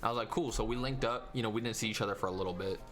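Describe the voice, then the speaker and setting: A man's voice: fairly low pitch, very fast, a little hiss or hum. A young man from Taiwan, co-hosting a podcast and telling a relationship story in slangy casual chat. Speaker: podcast co-host. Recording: music playing behind.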